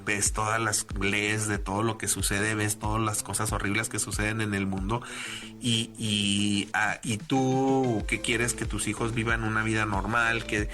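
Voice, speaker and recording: A man's voice: fairly low pitch, flat delivery, unhurried, music in the background. A middle-aged man co-hosting a casual film discussion podcast, rambling with frequent restarts. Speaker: podcast co-host.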